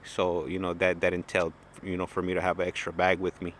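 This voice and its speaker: A man's voice: sits low, monotone, quick pace, background noise. A man telling a long story in a loose, chatty way, full of fillers and restarts, as host of his own livestream. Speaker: plane-spotting livestream host. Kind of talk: casual rambling storytelling.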